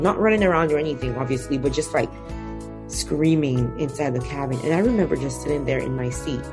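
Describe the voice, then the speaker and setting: A woman in her twenties from Nigeria, a guest telling her life story in a reflective way with many fillers. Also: sits low. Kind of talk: personal storytelling interview.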